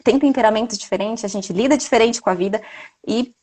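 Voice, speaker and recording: Reflective woman with a fairly high voice. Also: fast, darkish tone. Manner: reflective, with frequent tag questions. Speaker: mother. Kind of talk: casual live-stream chat.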